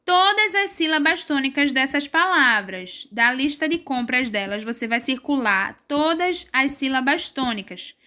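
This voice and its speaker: Bright-voiced woman teacher, patient explainer. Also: sits high. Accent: Brazilian Portuguese. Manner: slow, drawn-out syllables when stressing words; patient, explaining step by step to children. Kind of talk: recorded remote class lesson.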